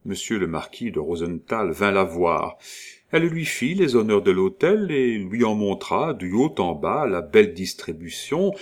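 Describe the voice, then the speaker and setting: Man narrating a novel, somewhat low voice, lively expressive intonation, small hesitations. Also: a little slow. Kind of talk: audiobook reading.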